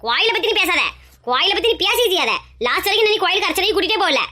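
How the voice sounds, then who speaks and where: A woman with a Kanyakumari Tamil accent acting out a comic family skit with quick, dramatic delivery. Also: very high voice, lively intonation, sharp tone. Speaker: comedy skit creator.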